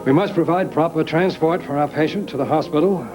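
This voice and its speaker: An actor plays a stern family doctor in a 1990s soap opera. He speaks in a brisk, clipped, indignant way, a little high in pitch. Faint music sits behind him. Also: lightly acted, poor audio. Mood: clinical.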